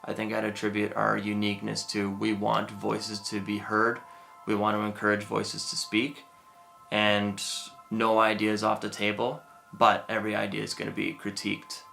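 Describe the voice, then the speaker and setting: A band member speaking deliberately in an interview, restarting phrases as he goes. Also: on the low side, monotone, vocal fry, pushed and bright, soft background music. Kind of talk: reflective interview answer.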